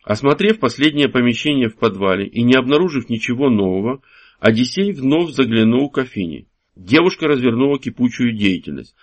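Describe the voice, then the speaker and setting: A man with a medium-pitched voice narrates an audiobook from a script, in a measured and even storytelling style.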